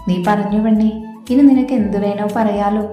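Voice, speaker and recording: A woman voicing a gentle, patient young husband who speaks tenderly to his wife. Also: mid-range voice, fairly even intonation, normal speed, close to an everyday voice. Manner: soothing, tender. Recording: roomy echo with soft music.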